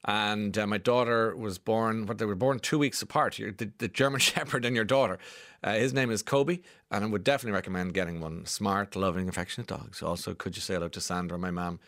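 A radio host on a morning show reads listener texts and trades warm, chatty banter with a caller. His voice sits on the low side with a steady tone and a slightly fast pace, recorded dry in studio quality.

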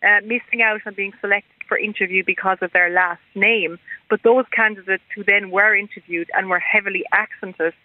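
An Irish woman speaking as an academic guest in a radio interview, explaining things in a measured, formal way. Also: medium pitch, steady tone, no room sound. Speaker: guest expert, university lecturer. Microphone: telephone. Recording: narrow, tinny phone line.

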